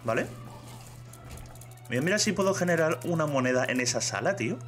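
Brief: Spanish male streamer, lively pitch, a bit high, chatty, faint music behind. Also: brisk. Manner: chatty, repeats "tío" often, reads chat aloud. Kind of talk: casual live-stream chat.

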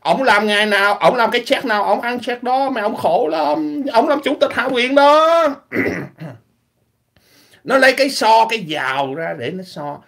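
Animated high-voiced man vlogging. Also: moderate pace. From Vietnam. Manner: animated, opinionated, clears throat often. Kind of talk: casual monologue vlog.

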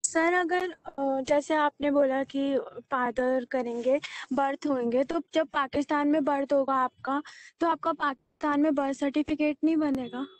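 A woman's voice: sits high, steady tone, measured pace, no room sound, poor audio. A woman student asking a question during an online class.

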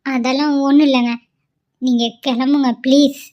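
A woman's voice: sits high, little pitch movement, normal speed, warm tone, lo-fi sound, lightly acted. A woman voicing a stubborn, devoted young wife in a cartoon, pleading and insistent. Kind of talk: cartoon voice acting.

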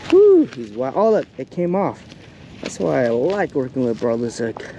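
A man in his thirties giving casual vlog commentary on his fishing trip, laid-back and chatty with lots of fillers, recorded outdoors on a shoreline with an action camera. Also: mid-range voice. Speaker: fishing vlogger. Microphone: action camera, hand-held or chest-mounted. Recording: faint outdoor noise.

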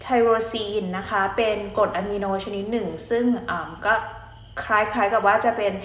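A woman's voice: medium pitch, fairly even intonation, a little slow, a bit bright. Woman doctor talking through hair care, chatty and explainy, echoey room with a bit of hiss. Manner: chatty, explanatory, polite particles. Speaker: dermatologist host. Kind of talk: casual explainer talk. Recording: roomy echo, faint noise.

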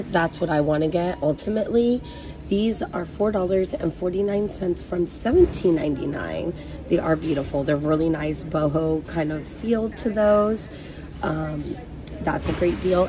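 A shopping vlogger, an adult mother of a son, narrates casually to her phone as she moves through a discount supermarket, thrilled by the deals. She has a lowish voice; the recording is low quality, with background store noise from the handheld phone camera.

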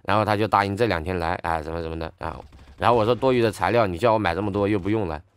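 A man's voice: low voice, racing, clear, resonant tone, no echo. A man gaming online and telling an angry story in a heated, indignant ranting manner. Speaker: game streamer. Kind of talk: ranting story over gameplay.

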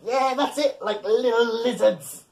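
This bedtime storyteller, a man in his thirties, speaks in a very high, gravelly voice with a darkish tone. He reads to young kids playfully and with exaggeration, encouraging them and pausing to ask questions. The clip was recorded in a small home room full of soft toys.

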